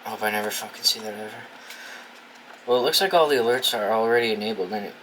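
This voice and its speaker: Fast and a bit bright, a young man's fairly low voice delivers casual hands-on commentary as he unboxes and sets up a gadget for a video. He is from New England in the United States, speaks from a dorm room, thinks aloud, and swears freely. Slight background noise makes for a rough recording.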